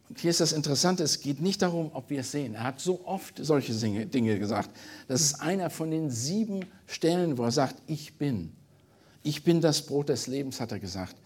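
A man's voice: a little high, a little mellow, breathy edge. A man reading a Bible passage aloud and then preaching on it earnestly, with small slips and restarts. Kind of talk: scripture reading and sermon.

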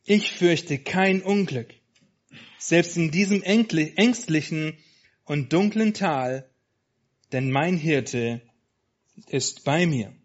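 A frightened little female sheep stammers out her worries in a thin, high voice, as a man puts her on while reading a storybook. She is anxious and hesitant. The recording sounds dull and lo-fi. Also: expressive, slow, pauses often. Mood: calm trust.

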